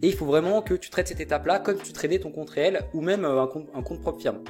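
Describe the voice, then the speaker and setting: A young adult man teaches trading in a casual spoken lesson, talking directly to the viewer in an informal, loose way packed with fillers and repeated emphasis, especially the word "vraiment." His voice is a bit high for a man, his pace brisk, and soft music runs underneath.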